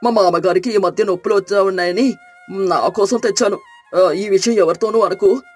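A sly young son-in-law, put on by a woman storyteller talks big and teases, sure that he has the upper hand. The voice sits at a middle pitch over soft flute music. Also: moderate pace, husky, lightly acted. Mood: secretive. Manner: confident, sly, teasing. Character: clever, cocky young village son-in-law.

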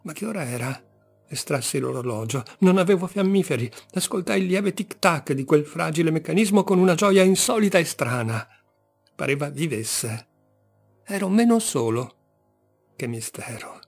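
A man reading a literary story aloud in a theatrical way, dropping to hushed murmurs and rising to loud outbursts. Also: fairly high pitch, lively intonation, moderate pace, creaky, husky, soft background music. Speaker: audiobook reader. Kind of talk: dramatic literary narration.

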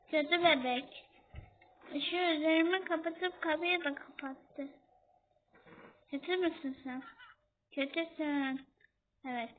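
A young gamer chatting to viewers and scolding an in-game baby during a horror game. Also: high voice. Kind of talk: casual gameplay commentary. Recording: tinny phone-like audio with faint noise.

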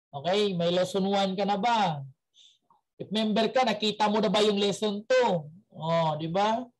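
A man's voice: high voice, rough recording. A man who has young children, giving a chatty motivational talk at a team meeting and quizzing his audience before telling a story. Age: adult with young children.

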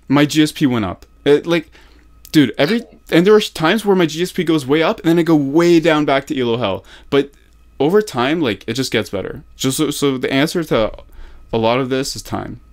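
Here a young man with a slightly high voice coaches briskly and with animation over a call. His style is casual, slangy, and encouraging with emphatic repetition, captured by a desktop condenser mic in his small home room.

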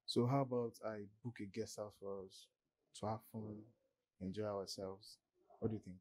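A young man playing a husky, coaxing boyfriend. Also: on the low side, steady tone, normal speed, a little mellow, natural voice. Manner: coaxing, wheedling. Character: smooth-talking young male boyfriend.

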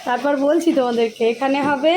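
Young woman, hoarse voice, high-pitched, chatty home vlog, echoey kitchen with household noise. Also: fast, darkish tone. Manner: chatty, addresses viewers directly. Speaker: vlogger. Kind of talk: casual home vlog narration.

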